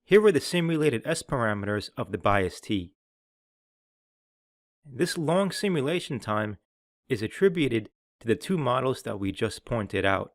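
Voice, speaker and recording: Reading from a script, this technical tutorial presenter explains steps methodically, speaking a little slowly with big pitch swings in a mid-range male voice. The audio is dry and free of room echo.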